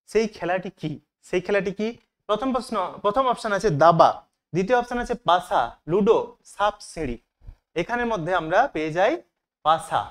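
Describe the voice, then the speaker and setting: A male teacher going through a test paper in an online lesson, asking the students questions and then answering them himself. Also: sits high. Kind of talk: online exam-prep lesson.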